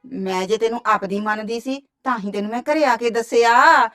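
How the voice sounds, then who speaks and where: A woman's voice: on the high side, moderate pace, fairly bright tone, soft background music, close to an everyday voice. A meddling village gossip, played by a woman, speaking. She wheedles and keeps relaying what others said. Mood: wheedling. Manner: wheedling, reports others' words. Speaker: actress. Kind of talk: village drama dialogue.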